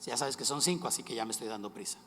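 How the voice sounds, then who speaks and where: A man's voice: medium pitch, rapid-fire, pushed and bright, a little hiss or hum. A man preaching a sermon as pastor, engaging the congregation with frequent questions. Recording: long hall reverb.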